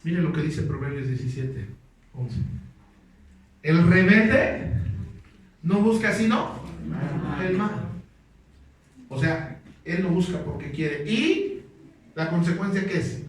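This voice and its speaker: A male pastor giving a sermon. He reads scripture slowly and with emphasis, and he asks the congregation questions and waits for their replies. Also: on the high side, big pitch swings. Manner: slow, emphatic reading of scripture. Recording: very echoey hall, distant mic, faint noise.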